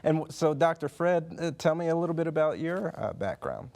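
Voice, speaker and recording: A man's voice: fairly high pitch, expressive, fairly quick, a little mellow. A man hosting a television interview, prompting his guests with short, encouraging remarks and questions. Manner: brief encouraging back-channel remarks. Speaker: host.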